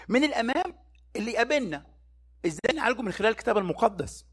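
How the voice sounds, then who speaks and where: A man's voice: very high-pitched, sing-song, quick pace, a bit bright, slightly rough. A man with an Egyptian Arabic accent giving a Bible study sermon, who keeps posing rhetorical questions to his listeners and answering them himself.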